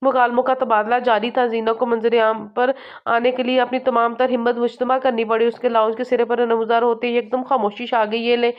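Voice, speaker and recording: Flat-voiced woman narrating a novel. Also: fairly high pitch, a little fast. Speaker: audiobook narrator. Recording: slightly muffled lo-fi audio.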